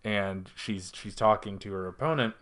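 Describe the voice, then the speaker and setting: A man's voice: lowish voice, moderate pace, a bit bright. A man co-hosting a podcast, recounting anime scenes with wry, dry remarks in a casual review chat. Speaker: podcast co-host.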